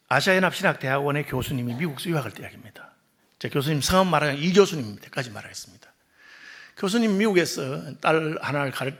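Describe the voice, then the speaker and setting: A male pastor preaching a sermon, telling a story and acting out the dialogue, often dropping to a soft, quiet voice for emphasis. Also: a little high.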